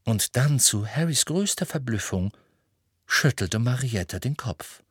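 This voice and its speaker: Expressive male audiobook narrator. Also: medium pitch, unhurried, husky, no room sound, clean studio sound. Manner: expressive, varied reading. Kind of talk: audiobook reading.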